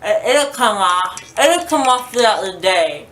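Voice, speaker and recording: A woman vlogger rambles casually to camera during a makeup tutorial, groggy and loopy from anesthesia, her mouth numb and sore after dental surgery. Her mid-range voice has lively intonation, a measured pace and a fairly bright tone. The mic is roomy and distant, with faint noise.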